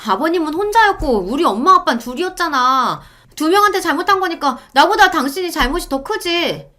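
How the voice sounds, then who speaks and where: A woman's voice: very high-pitched, expressive, fairly quick, sharp tone, voice pushed up, heavily acted. A woman voicing a defensive young wife who talks in a whiny, pleading way. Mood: accusing.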